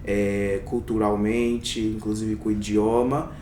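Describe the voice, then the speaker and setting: A young adult man from Brazil, speaking as a doctor, answers questions in a casual interview, sounding reflective and hesitant with plenty of fillers and restarts. His warm voice has little pitch movement and he goes slowly. The recording is distant and somewhat off-mic in an echoey room, with a faint rumble.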